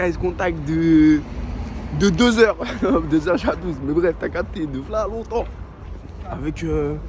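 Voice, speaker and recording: A young man vlogging casually in French suburban street slang with an urban street accent, talking to viewers like mates. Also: sits high. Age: young adult. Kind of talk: casual travel vlog. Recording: noisy handheld vlog with ambient vehicle noise.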